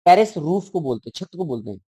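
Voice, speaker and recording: A man's voice: fairly high pitch, very animated, quick pace, dark tone, slightly rough, no room sound. Repetitive man teaching a children's lesson. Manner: repeats words and asks questions to children. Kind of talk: explaining a school textbook lesson.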